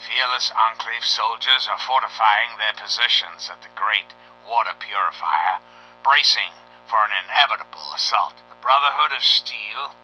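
An actor playing a grandiose, fatherly president giving a solemn, dramatic radio address in a game, with emphatic pauses. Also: mid-range voice, sharp tone, husky, full character voice, rough recording. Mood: indignant. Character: grandiose fatherly computer president rallying a nation to war.

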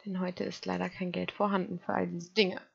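A woman's voice: lowish voice, flat delivery, a little fast, vocal fry, slightly rough, highs cut off. A woman giving casual let's play commentary, chatting to her game characters and to her viewers.

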